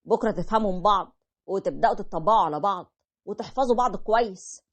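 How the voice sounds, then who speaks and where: Lady doing a calm older egyptian man giving advice, soothing and quick. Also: medium pitch, close to an everyday voice. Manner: soothing, advising.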